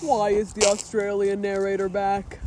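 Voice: mid-range voice, monotone, normal speed, noisy background. A child's voice in an improvised story podcast, teasing and indignant.

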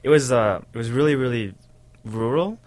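A man guest talks at an everyday pitch, hesitant and searching for details as he recalls past experiences. He speaks plainly in a casual radio chat. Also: a little mellow, no echo. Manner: hesitant, recalling memories slowly.

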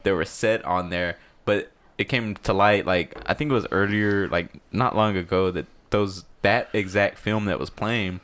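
A man's voice: lowish voice, moderate pace, few pauses. A man co-hosting a podcast, telling movie scenes in casual, swearing chat. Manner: animated, swearing storyteller who retells movie scenes. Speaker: podcast co-host.

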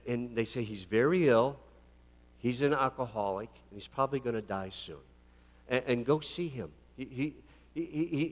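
A man preaching a sermon, telling a long story with dramatic swings between loud fervent peaks and quiet passages, often repeating words as he restarts. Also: mid-range voice. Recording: long hall reverb.

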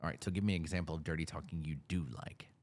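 A man's voice: rumbling low, steady tone, racing, a little mellow. A man interviewing a guest with frank, teasing questions in a casual conversation. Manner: teasing, mimics others in playful quotes.

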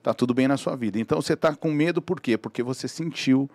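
A man's voice: mid-range voice, fast, dry recording. A man, a podcast guest telling anecdotes in casual chat and acting out the voices of people he quotes. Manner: animated, acts out quoted dialogue.

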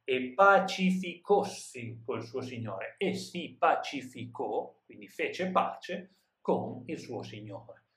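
A man's voice: mid-range voice, reverberant. A man teaching literature, reading an old tale aloud and then retelling each passage in everyday words, often adding a questioning "no?". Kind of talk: reading and paraphrasing a classic tale for a lesson.

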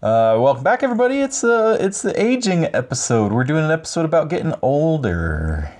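A man in his thirties co-hosting a podcast, chatting casually in a laid-back, rambling way with many pauses. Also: fairly high pitch, sing-song, a little mellow. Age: 30s. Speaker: podcast co-host. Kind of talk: casual chat.

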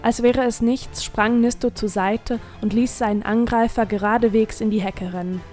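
A woman reading a fantasy story aloud as narrator, in a measured, expressive storytelling manner. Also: a little high, faint music behind. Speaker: audiobook narrator. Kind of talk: scripted narration.

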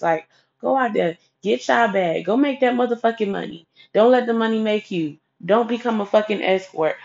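A woman's voice: medium pitch, gravelly. A woman giving blunt, sassy, profanity-heavy advice in a casual vlog rant. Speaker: advice vlogger. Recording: dull lo-fi recording.

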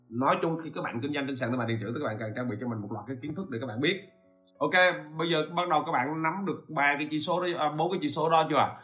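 Male podcast host, mid-pitched voice, informal teaching tone, keeps checking in with rhetorical questions. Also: fairly bright tone. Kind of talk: informal spoken lecture.

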